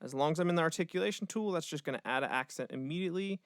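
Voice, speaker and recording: A man, a music educator, casually walking through a software tutorial step by step, with the odd filler word. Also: on the high side, very fast, clean tone, no echo, clean studio sound. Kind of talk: screen-recorded software tutorial.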